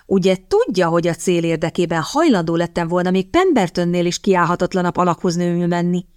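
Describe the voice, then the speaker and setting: A woman reads a clever young lady of an audiobook romance, teasing and quick with her tongue. Her voice sits a little low, recorded dry and close. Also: expressive, clean tone, dry recording, natural voice. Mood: playful. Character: quick-witted young woman hunting a rich husband.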